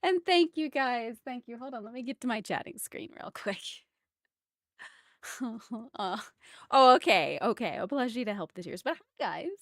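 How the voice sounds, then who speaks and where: A woman's voice: on the high side, measured pace, no room sound. A woman livestreamer chatting casually and expressively with her viewers on a close mic. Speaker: livestreamer, emote artist.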